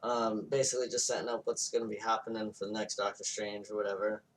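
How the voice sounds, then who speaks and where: Chatting loosely on a podcast he co-hosts, a man retells a movie plot with plenty of profanity and acted-out quotes. His voice is lowish and fairly flat in pitch, the pace quick, and the mic sounds distant.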